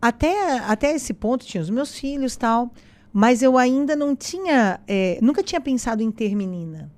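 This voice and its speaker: A woman, a podcast guest sharing a personal faith testimony in a casual, animated way, acting out the dialogue she retells. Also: on the high side, moderate pace. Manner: animated storyteller who acts out quoted dialogue.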